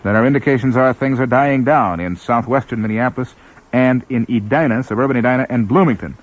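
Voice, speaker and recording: A man's voice: medium pitch, a little fast. Muffled American radio anchorman covering a storm. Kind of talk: live emergency storm coverage. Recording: muffled 1960s AM radio broadcast.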